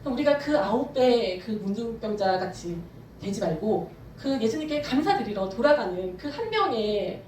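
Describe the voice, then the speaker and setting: A high-pitched woman pastor delivers a fervent, emphatic sermon, pressing her points with sudden bursts of speed. She is heard from a distance in a roomy church hall with a faint hum of ambience behind her. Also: very animated, moderate pace, darkish tone. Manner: fervent, emphatic preaching with shifts in pace. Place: church sanctuary. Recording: echoey church hall, from far off.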